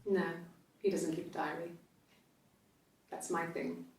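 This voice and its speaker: An actress playing a married woman questioned on police video, speaking calmly and with quiet restraint. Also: lowish voice, a little slow, vocal fry. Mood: reflective. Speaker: interviewee in a police tape. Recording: roomy, distant game audio behind the player.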